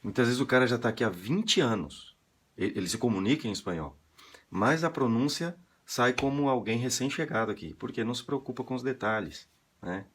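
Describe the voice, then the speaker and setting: A Brazilian man giving a casual pronunciation lesson, chatty and full of "né" and "tá", slowly sounding out syllables. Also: mid-range voice, animated, a bit bright, breathy edge. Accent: Brazilian Portuguese. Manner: chatty, drawn-out slow demonstrations of syllables, frequent "né" and "tá". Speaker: Spanish pronunciation teacher.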